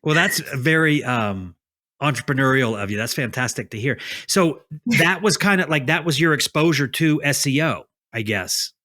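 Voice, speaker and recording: A podcast host reads a scripted, upbeat intro, then moves into casual interview chat with a guest, often affirming with quick "yeah"s. His mid-range voice is pushed and bright, with lively intonation at a moderate pace.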